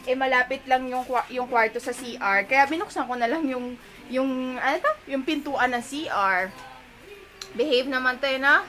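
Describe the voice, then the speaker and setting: Chatty Filipino mom vlogging at home. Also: female voice, sits high, moderate pace, sharp tone. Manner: chatty, addresses viewers as sisters, mixes in English. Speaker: vlogger and young mother. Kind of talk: casual home vlog chat. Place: bedroom at home. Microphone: camera on a tripod.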